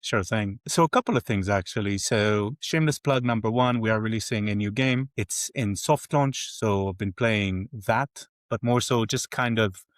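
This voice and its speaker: Self-deprecating Israeli-born man, low voice. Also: normal speed, hardly any pauses, dry recording. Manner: candid, self-deprecating, lightly joking. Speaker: guest, games company CFO. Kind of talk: podcast interview.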